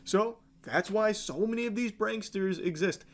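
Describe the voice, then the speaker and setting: Sarcastic young man, slightly high voice. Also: moderate pace. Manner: sarcastic, mocks pranksters in a whiny put-on tone. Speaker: co-host reacting to news clips. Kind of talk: casual commentary.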